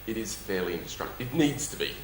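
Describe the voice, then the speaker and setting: He races through his answers in a fairly low, expressive voice while faint music sits behind him. The speaker is a lisping company executive in a Q&A, emphatic, jovial and dryly humorous. Echo fills the room, and there's faint background noise.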